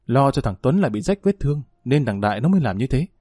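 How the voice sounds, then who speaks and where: A man's voice: mid-range voice, big pitch swings, fast talker, mellow, husky, no room sound, clean studio sound, soft background music. A man voicing a middle-aged mother who reproaches her in-law in a spoken family drama. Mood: reproachful. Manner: earnest, reproachful.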